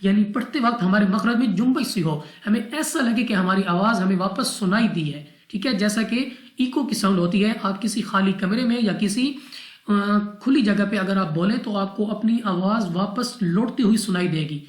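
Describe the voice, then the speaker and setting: A Pakistani woman explains tajweed, the rules of Quran recitation, going through each rule methodically and repeating it step by step. She speaks at a moderate pace in a mid-range voice, and the recording has a roomy echo.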